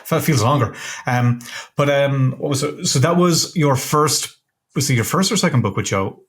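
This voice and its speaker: An Irish man hosting a relaxed interview, talking in a halting way and often stopping to restart his sentences. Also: mid-range voice. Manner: hesitant, halting, full of self-interruptions. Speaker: podcast host interviewing a comics artist. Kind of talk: casual interview chat.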